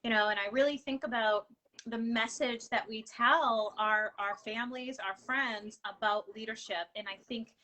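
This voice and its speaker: A woman's voice: fairly high pitch, steady tone, moderate pace, pushed and bright, poor audio. A woman hosting an interview, enthusiastic and affirming, with many fillers like um and you know. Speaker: host. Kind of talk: interview conversation.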